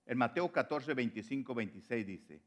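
A man preaching a sermon, repeating phrases for stress and swinging between soft, low lines and loud, high ones. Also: animated, moderate pace.

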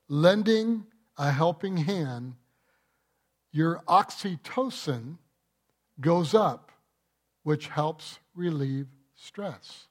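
Male pastor, slightly high voice, unhurried delivery, emphatic sermon with rhetorical questions. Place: church.

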